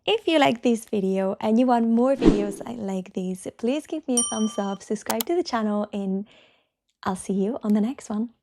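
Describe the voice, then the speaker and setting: A woman hosting an online language lesson, explaining patiently and slowing down to model example words. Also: on the high side, very noisy. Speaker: Spanish teacher and channel host.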